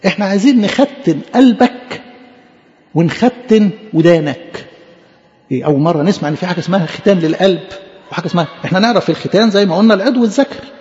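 A fast-talking, high-voiced man with an Egyptian accent delivers a sermon. He tells stories with animated, acted-out quotes. The recording is dull and echoes with a hall's long reverb. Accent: Egyptian Arabic. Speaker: preacher.

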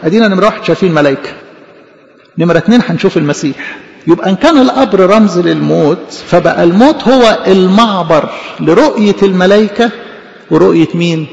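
A man with an Egyptian Arabic accent preaching a sermon in a church. He talks in an animated way, asking rhetorical questions and answering them himself. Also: high-pitched, quick pace, creaky. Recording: echoey hall, dull lo-fi sound.

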